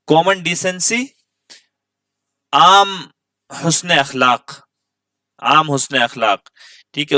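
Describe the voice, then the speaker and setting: Male English teacher, bright tone, slightly off-mic. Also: a little high, no echo, clean studio sound. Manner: reads English phrases slowly, then explains in Urdu; repeats words and asks the class questions. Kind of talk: explaining an English text with Urdu translation. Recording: voice from a distance from the mic.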